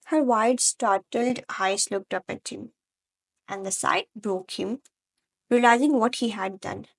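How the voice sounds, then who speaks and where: A woman narrating a fan-fiction romance story in a soft, even storytelling read. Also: medium pitch, a little slow, creaky.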